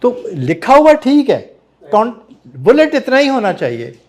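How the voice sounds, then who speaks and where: ऊँची आवाज़ वाला पाकिस्तानी लहजे का पुरुष प्रशिक्षक. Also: male voice, extremely high pitch, huge pitch swings, a little slow. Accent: Pakistani. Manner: encouraging, mixes Hindi-Urdu with English. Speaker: trainer. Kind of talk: classroom feedback.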